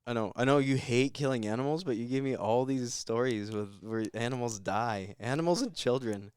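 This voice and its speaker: A man's voice: medium pitch, moderate pace, a little mellow, smooth, no echo. A man co-hosting a podcast, giving a rambling, laid-back recap of a movie in casual chat with chuckles. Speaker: podcast co-host.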